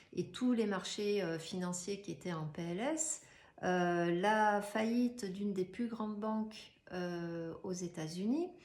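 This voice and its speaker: A woman's voice: medium pitch, darkish tone. A woman, an astrologer who explains in a chatty, casual way, with many fillers and rhetorical questions. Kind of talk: casual explanatory video talk. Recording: echoey room.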